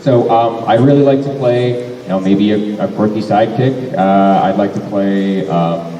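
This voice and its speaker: A young man who voices characters fields fan questions at a convention panel, rambling and correcting himself often. His low, dark voice moves at a normal speed with the highs cut off, recorded from afar in an echoey convention hall with faint noise.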